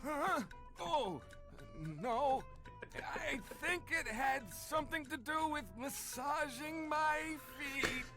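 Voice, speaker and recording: Doddering older man, slow, confused, high-pitched, for a video game, with game music clearly behind. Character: forgetful, doddering old man. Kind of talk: video game character lines.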